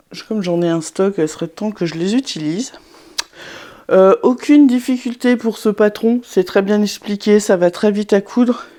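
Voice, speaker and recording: A woman's voice: medium pitch, mellow. A woman chatting casually in a hesitant, rambling vlog style, her voice strained by tonsillitis and a swollen, sore throat. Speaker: sewing vlogger and online haberdashery owner. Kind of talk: casual vlog chat to viewers.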